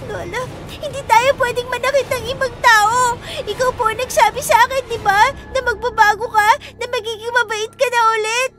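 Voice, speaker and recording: A woman voicing a young grandchild who is frightened but loyal, pleading tearfully in an animated storybook. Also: very high voice, moderate pace, faint music behind.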